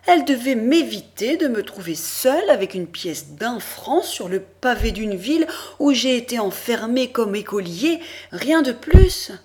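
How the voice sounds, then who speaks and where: A woman narrating a novel as an audiobook in a measured, expressive first-person reading. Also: a little high. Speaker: audiobook reader.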